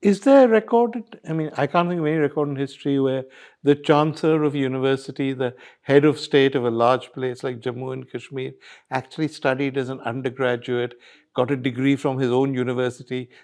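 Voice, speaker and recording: A man's voice: medium pitch, fairly even intonation, fairly quick, a little mellow. A man, asking questions conversationally as an interviewer.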